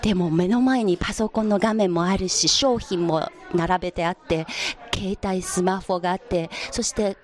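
A woman's voice: fairly low pitch, moderate pace, hardly any pauses, faint music behind. Woman reporting live on location. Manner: descriptive, polite, sometimes hushed. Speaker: field reporter.

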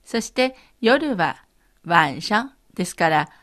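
Slow, careful woman modeling phrases. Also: lowish voice, lively intonation, a bit bright. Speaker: language teacher co-host. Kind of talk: scripted language lesson.

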